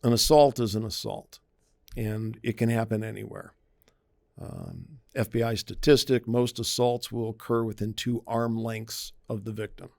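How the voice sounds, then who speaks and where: This male private investigator's voice is lowish, steady, unhurried, creaky, and darkish, recorded at studio quality with no room sound. In a conversational podcast interview he explains safety tips, acting out quoted voices and giving emphatic warnings.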